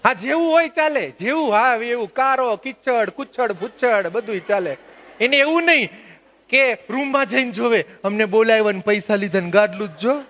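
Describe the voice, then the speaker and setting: High-voiced man giving a lively workshop talk. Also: moderate pace. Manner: animated, joking, quizzes the audience. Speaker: workshop trainer. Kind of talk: lively lecture to a live audience. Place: workshop at a religious venue.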